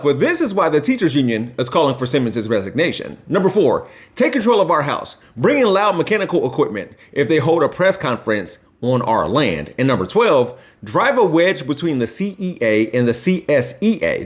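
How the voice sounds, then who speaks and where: A man from Ohio hosting scripted commentary, wry and sarcastic in delivery. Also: mid-range voice. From Columbus, Ohio. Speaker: commentary host.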